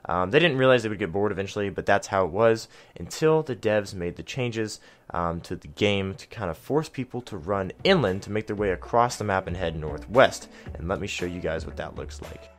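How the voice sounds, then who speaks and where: A man's voice: fairly low pitch, lively intonation, normal speed. A man giving a casual map guide for a video game, chatty, with lots of ums and self-deprecating asides. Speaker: gaming video creator.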